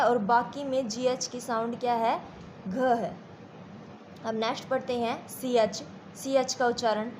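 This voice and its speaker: A woman's voice: on the high side, slight background noise. A woman teacher with an Indian accent giving a classroom lesson, repeating points and asking the students if they follow. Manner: slow and repetitive, checks understanding with questions.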